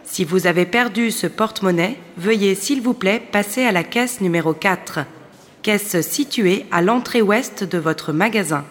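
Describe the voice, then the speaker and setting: A woman making a polite, formal announcement over a store loudspeaker. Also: mid-range voice, measured pace. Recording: long store-hall reverb.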